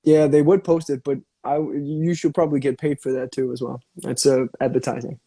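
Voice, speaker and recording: A man's voice: mid-range voice, flat delivery, a little fast, dark tone, husky. A man, chatting and joking casually with a friend on a live stream. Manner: playful, rambling, often laughing. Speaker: actor co-hosting a live stream.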